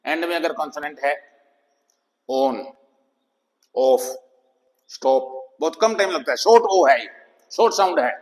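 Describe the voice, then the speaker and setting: A man teaching a phonics lesson, speaking slowly and deliberately, reading English headings aloud. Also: a little high, lively intonation. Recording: long echoing reverb.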